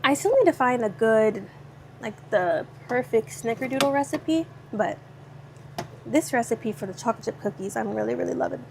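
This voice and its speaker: This young vlogger from Southern California is bubbly and relaxed, cooking at home while live-streaming and swapping between reading comments and discussing the dish. Her high, bright voice has lively intonation, a moderate pace, and vocal fry, along with a light Californian accent. Faint room hum lies under it.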